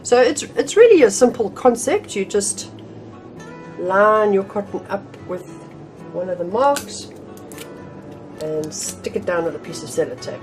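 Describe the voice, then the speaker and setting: Animated yet a little slow, with long pauses, a middle-aged woman speaks in a mid-range, slightly mellow voice as faint music plays. Teaching a casual drawing tutorial from her home art room, she's chatty and a bit nasal from a cold, often pausing on ums and restarting.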